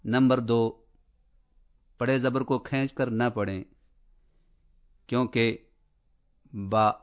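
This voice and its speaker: A man teaching Quran reading in a measured, deliberate way. He speaks in a scripted instructional lesson and repeats syllables slowly and loudly for students to practise. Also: medium pitch, steady tone.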